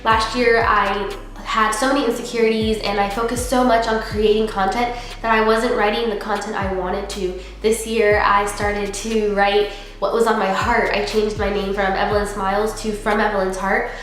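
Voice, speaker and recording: A woman's voice: mid-range voice, little pitch movement, normal speed, fairly bright tone. A young woman who is congested with a cold, talking casually and earnestly in a reflective vlog and often dropping in "like" as a filler. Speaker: vlogger. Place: unfurnished apartment room, indoors. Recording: very echoey empty room, music underneath.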